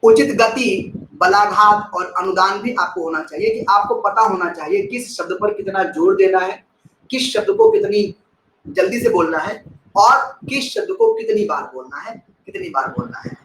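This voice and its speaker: A man teaching a live online class, explaining with expressive emphasis, repeating key phrases and thanking viewers by name as he reads the chat. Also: high voice, moderate pace, reverberant, a little hiss or hum, poor audio.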